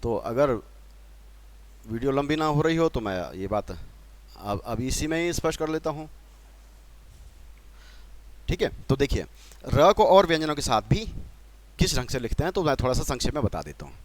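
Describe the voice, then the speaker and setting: A man's voice: medium pitch, big pitch swings, moderate pace, long pauses, no room sound. Male teacher from Uttarakhand with an Uttarakhand Hindi accent, patient and repetitive, dry room. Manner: patient, repeats key points, asks the class questions. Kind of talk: classroom lesson at a board.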